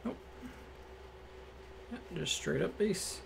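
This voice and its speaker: This card-break host has a slightly raspy voice that sits high, and he speaks slowly, reading each card matter-of-factly and musing aloud in relaxed commentary. A fixed camera films him indoors at a table amid background noise.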